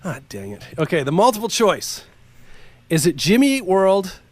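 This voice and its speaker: A man co-hosting a podcast, playing a casual song-guessing game and teasing his friend, with frequent laughter and slow dramatic lyric readings. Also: high-pitched, very animated, no room sound. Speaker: podcast co-host.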